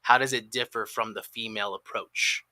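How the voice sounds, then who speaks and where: Man podcast host, upbeat plug reads, very bright tone, dry close sound. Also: lowish voice, steady tone, normal speed, dry recording. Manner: promotional, upbeat announcer delivery. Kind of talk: live podcast hosting.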